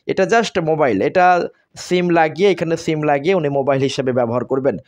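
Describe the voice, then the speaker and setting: In an unscripted product video, a Bangladeshi-accented man talks as a seller, stumbling through his explanations and saying things more than once. His voice runs a little high and has a somewhat mellow quality.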